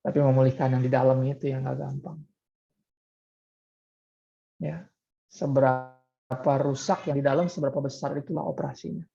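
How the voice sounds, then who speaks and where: A man's voice: medium pitch, creaky, mellow, highs cut off. A man preaching a sermon as pastor in a conversational way, often throwing rhetorical questions to the congregation.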